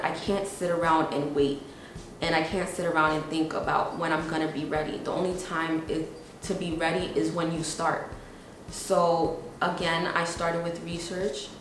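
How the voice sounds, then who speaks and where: A woman's voice: fairly low pitch, a little hiss or hum. A woman, telling the story of founding her business in a casual, chatty documentary interview with frequent "like" and "you know". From New York, USA. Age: 20s. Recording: very echoey room.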